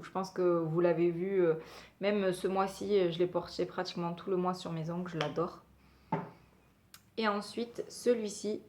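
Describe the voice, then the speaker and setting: A woman's voice: lowish voice, darkish tone. A woman talking casually as a beauty vlogger, chatty and hesitant with many fillers. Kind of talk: casual product review.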